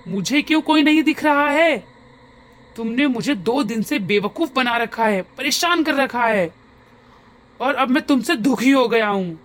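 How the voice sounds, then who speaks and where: A woman voicing an angry, frustrated middle-aged father who shouts and scolds his wife and daughter in a horror story. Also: very high voice, animated, moderate pace. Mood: angry shouting.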